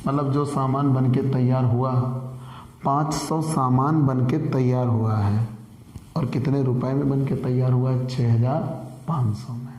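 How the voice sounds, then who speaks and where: A hoarse man teaches a commerce class in a mellow, dark voice. He repeats himself and quizzes the class, answering his own questions. The room is echoey, with a long reverb tail. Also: medium pitch, steady tone, unhurried. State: sore throat. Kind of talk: classroom lecture.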